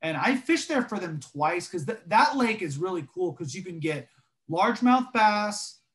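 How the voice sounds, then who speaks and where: A young man co-hosting a podcast over a video call, telling fishing stories in a relaxed way with many fillers. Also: sits high, normal speed. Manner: relaxed storytelling with frequent fillers. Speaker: podcast co-host. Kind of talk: casual chat.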